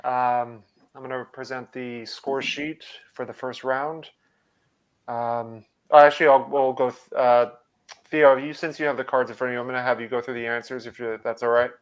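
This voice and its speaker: Smooth-voiced man hosting a trivia quiz. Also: mid-range voice, little pitch movement, moderate pace. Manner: hesitant, many fillers and restarts. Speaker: trivia host. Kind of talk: live online quiz hosting.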